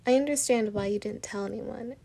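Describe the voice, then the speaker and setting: A woman reading a fan story aloud, voicing a caring young princess who looks out for her sister, with a slightly gravelly voice. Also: mid-range voice, brisk, dark tone.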